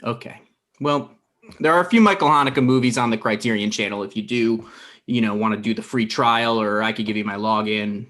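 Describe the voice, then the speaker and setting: During a table read on a video call, a man in his thirties takes on the role of a dumped boyfriend who is needy, wounded and blustering, pleading in a hurt way. His voice sits on the low side, fairly bright and lightly acted, and he speaks a little fast, from an indoor room.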